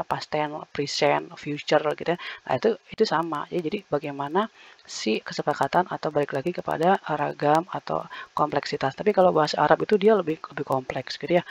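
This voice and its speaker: Gravelly casual male lecturer. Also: a little high. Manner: casual, conversational, many fillers and tag questions; acts out little quoted reactions. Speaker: university lecturer. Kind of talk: recorded online lecture.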